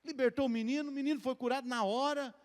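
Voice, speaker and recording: A man preaching a sermon in a conversational way, calling the congregation "dear ones" and often rising and speeding up as he speaks. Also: quick pace. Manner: conversational, addresses the congregation as "queridos" and "gente"; lively, often rises in pitch and speeds up. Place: church hall. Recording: long hall reverb.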